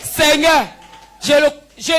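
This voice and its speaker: A woman giving a spoken healing testimony in church, telling her story with lively, acted-out dialogue. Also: sits high, takes it slowly, shouting, a faint crowd, a little hiss or hum. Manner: animated storytelling, acting out dialogue with the pastor. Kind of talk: spoken testimony before a congregation.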